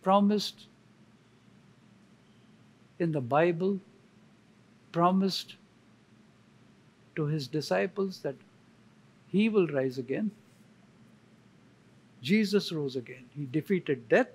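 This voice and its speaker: A man, a church elder, preaching a sermon slowly and emphatically, pausing for effect and repeating key words. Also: on the high side, a little mellow, breathy edge, poor audio. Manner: slow, emphatic, with dramatic pauses and repetition.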